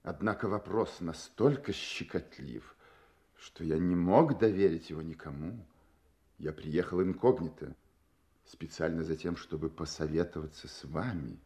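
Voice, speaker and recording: A deep-voiced, imperious king. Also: measured pace, darkish tone. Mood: grave, confiding. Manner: stately, formal, commanding. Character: proud, imperious masked king posing as a count. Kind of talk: Russian audio play acting.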